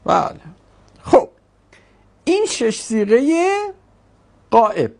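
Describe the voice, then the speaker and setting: Animated, gravelly-voiced grammar teacher. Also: medium pitch. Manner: questioning, drawn-out explaining. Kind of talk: classroom grammar lesson.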